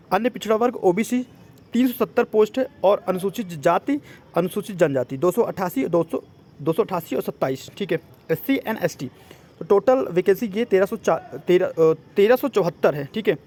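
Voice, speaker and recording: In a high-pitched, slightly mellow voice, an exam coaching presenter offers an informal explanation of a job notice. English words pop up throughout, and he regularly makes sure listeners are with him.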